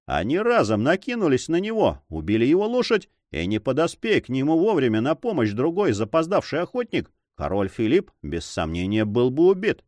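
A man's voice: medium pitch, huge pitch swings, brisk, few pauses, darkish tone, no echo. A man reading a fiery, proud forester. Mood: impatient. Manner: exclaiming, passionate. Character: proud hot-tempered male forester, fiercely honorable. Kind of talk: audiobook character reading.

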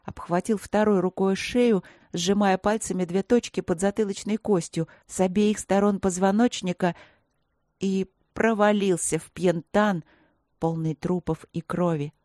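A woman narrating a fantasy audiobook in a measured storytelling manner. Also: mid-range voice, fairly even intonation, a little mellow, dry recording, clean studio sound. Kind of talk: scripted narration.

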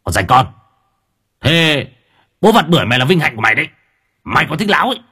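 A hot-headed young gang leader screeches his words high and hard, as a man acts him out. His voice climbs sharply and jumps all over the place. A breathy huskiness runs under the shouting. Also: sing-song, fast, full character voice. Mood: snarling. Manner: shrill screaming.

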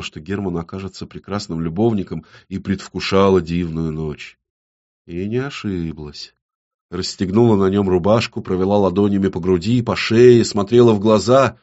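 A man narrating an audiobook in a measured, intimate storytelling manner. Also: deep voice, darkish tone, dull audio.

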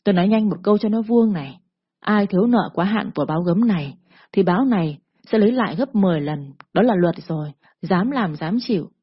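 A woman's voice: medium pitch, animated, fairly quick, breathy edge. Báo Gấm, a woman doing a sneering gangster. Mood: menacing. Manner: sneering, bullying drawl. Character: swaggering male gangster loan shark, lewd and cocky. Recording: dull lo-fi recording.

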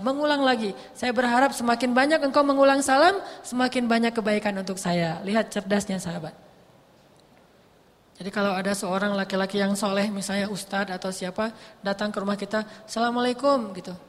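A man's voice: high voice, a little fast, fairly bright tone. A male preacher with a lilt giving a casual evening sermon, playful and acting out little dialogues. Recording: long hall reverb.

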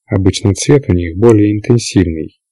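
A man reading the lines of a calm, self-assured half-alien young woman in an audiobook, explaining things in an even way. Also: lowish voice, normal speed, no echo, natural voice, rough recording. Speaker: character in an audiobook.

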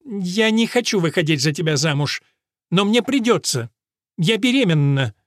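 A man's voice: high voice, lively intonation, normal speed, fairly bright tone, no room sound, studio quality, pitched above the performer's own voice. A man voicing a cold, sullen young woman who speaks curtly and bitterly. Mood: resigned.

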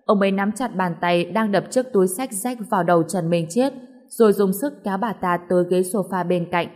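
A woman narrating a family drama story in a steady storytelling voice. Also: medium pitch, fairly quick.

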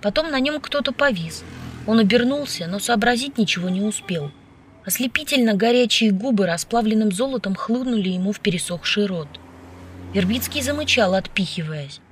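A woman narrating a novel as an audiobook in a steady, even storytelling manner. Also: medium pitch, slight background noise. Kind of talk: scripted narration.

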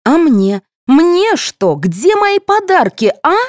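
A woman's voice: a little high, sing-song, a little slow, warm tone, no room sound, studio quality, pitched above the performer's own voice. A woman voicing a jealous, sulky teenage girl who complains resentfully in an audiobook. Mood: sulking. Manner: whiny, resentful.

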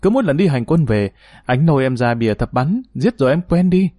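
A male reader voicing a spirited, affectionate young woman who talks in a lively, teasing way, recorded dry. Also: medium pitch, fairly quick, no room sound. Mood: earnest.

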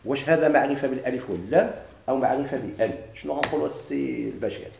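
A man's voice: mid-range voice, very fast, creaky, reverberant, background noise. A man with a Moroccan Arabic accent teaching a grammar lesson to a class, posing questions and answering them himself.

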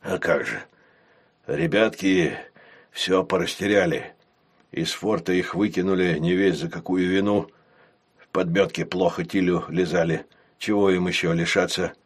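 A man voicing a burly male tavern keeper who speaks in a low, calm bass with quiet menace. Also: unhurried, husky, exaggerated voice. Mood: wry.

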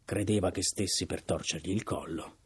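A man's voice: low-pitched, steady tone, normal speed, breathy edge. A man reading an audiobook voices a gaunt, deathly ill first mate who speaks solemnly in a hollow voice and breaks into agitated questions. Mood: brooding.

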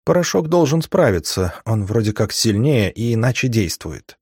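A man voicing a sharp-tongued young female thief in an audiobook, lifting his voice higher and speaking in a brisk, sardonic way. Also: sing-song, slightly rough, no echo, clean studio sound, heavily acted. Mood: explaining. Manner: raised lighter pitch, brisk and sardonic.

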